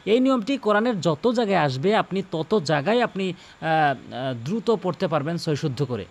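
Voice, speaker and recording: High-voiced man, patient recitation tutor, drills words again and again. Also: animated. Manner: repeats words slowly and corrects common mistakes. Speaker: Quran recitation teacher. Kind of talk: tajweed lesson with demonstrated recitation.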